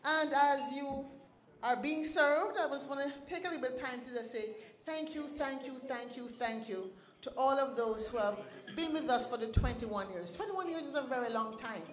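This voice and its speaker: A woman addressing a banquet crowd, her voice sitting a little high. She talks in a rhythmic, sing-song way and at times chants her lines. The sound carries the echo of a large hall. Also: moderate pace. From Caribbean. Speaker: founder and president, awards host. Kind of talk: ceremony speech with poetry recital. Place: banquet hall at an awards ceremony.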